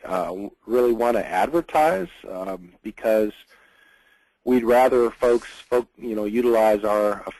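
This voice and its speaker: A man's voice: lowish voice, darkish tone, no echo, poor audio. A man presenting as a hurricane scientist in a webinar, explaining earnestly with frequent fillers over a computer mic.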